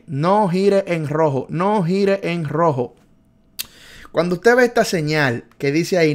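A man's voice: on the high side, fairly bright tone. A man tutoring for a driving theory test, exuberant and playful, repeating key points over and over. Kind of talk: video lesson.

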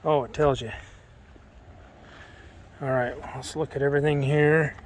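A man's voice: medium pitch, steady tone, measured pace, a little hiss or hum. A man casually narrating as he walks around an outdoor historic village, musing and easily amused. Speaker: travel vlogger. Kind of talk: casual walking commentary. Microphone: handheld camera.

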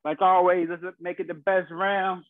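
A man's voice: high voice, level tone, normal speed, no echo. A young man working as a fitness instructor, coaching a live online workout class with short, encouraging cues and countdowns. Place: small carpeted room at home, indoors. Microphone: laptop or webcam mic on video call. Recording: muffled phone-like video call audio.

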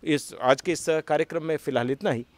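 A male news anchor from closing a political interview with formal, measured commentary. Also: fairly high pitch, no room sound.

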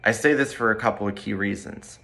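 Man in his forties, earnest testimonial, measured polished delivery, close webcam, bright room. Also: lowish voice, gravelly. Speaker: corporate training director. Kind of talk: read testimonial to camera. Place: bright room by large windows, indoors.

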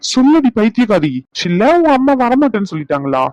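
A man's voice: high-pitched, big pitch swings, fairly quick, a little mellow, no room sound, poor audio. A man voicing a teasing, bossy young husband in a cartoon, scolding in banter. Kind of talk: cartoon voice acting.

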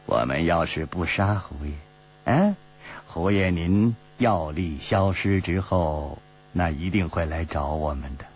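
A man's voice: deep voice, a little slow, voice pushed down. A man voicing a sly, mock-polite warrior captor, in pingshu storytelling style. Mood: sly mockery. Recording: dull lo-fi recording with mains hum.

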